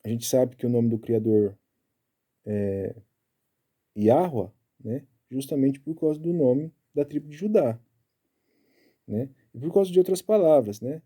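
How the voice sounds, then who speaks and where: A man giving a casual Bible study, explaining step by step and tagging his sentences with quick checks to the listener. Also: mid-range voice, expressive, mellow, slightly rough. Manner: chatty, keeps tagging lines with "né?"; explaining Hebrew letters and pronunciation step by step.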